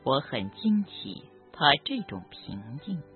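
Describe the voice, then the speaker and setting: Gentle doc telling a story, slow and reflective, pitch moves around a lot, sounds like it's over a phone. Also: very animated. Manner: gentle, measured, moved by the story. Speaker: doctor treating cancer patients. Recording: tinny phone-like audio with faint background music.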